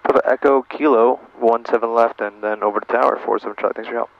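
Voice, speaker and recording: A pilot narrates his own flight in a small plane's cockpit, mixing vlog-style thinking aloud in short procedural phrases with radio calls over an aviation headset. His gravelly, medium-pitched voice is steady in tone and quick in pace. The sound is phone-quality, with faint engine and radio noise.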